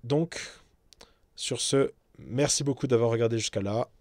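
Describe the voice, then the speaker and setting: A man explains words in an easygoing lesson, halting now and then to find the phrasing. His voice sits at an ordinary middle pitch. The sound is close and dry, with no room around it. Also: darkish tone, dry recording. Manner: unscripted, hesitant, with fillers and restarts. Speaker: English teacher. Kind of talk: casual vocabulary lesson.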